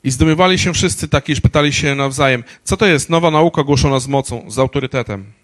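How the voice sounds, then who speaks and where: A man's voice: mid-range voice, quick pace. Hesitant male sermon interpreter. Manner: hesitant, frequent fillers and restarts while translating.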